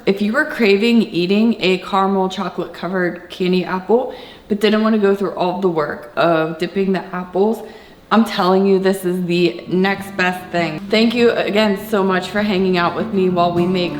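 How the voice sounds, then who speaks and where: A woman's voice: mid-range voice, fairly even intonation, moderate pace. A woman hosting a home cooking video, chatting casually and laughing at her own slip-ups. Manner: chatty, self-deprecating, laughs at herself. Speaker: home cooking channel host. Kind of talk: casual cooking demo chat. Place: home kitchen. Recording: echoey room with faint background noise.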